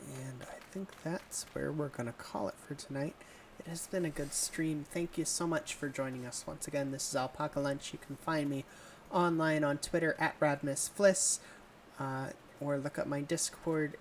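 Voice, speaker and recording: A man casually commenting while playing a video game on stream, thinking aloud in a relaxed way. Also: fairly high pitch, normal speed, slight background noise. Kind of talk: casual let's-play commentary. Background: game music.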